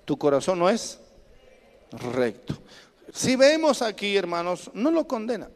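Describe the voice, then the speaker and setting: A male pastor preaching a sermon with forceful emphasis, leading his congregation to repeat words back to him. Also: high-pitched, huge pitch swings, a little slow. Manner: emphatic preaching with call-and-response prompts. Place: church. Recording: reverberant church hall.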